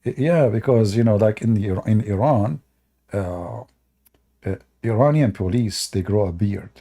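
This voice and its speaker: With a warm, lowish voice and a slightly slow pace, a man makes fun of a clip in his reaction video. He laughs often, leans on sarcasm, and speaks in broken English.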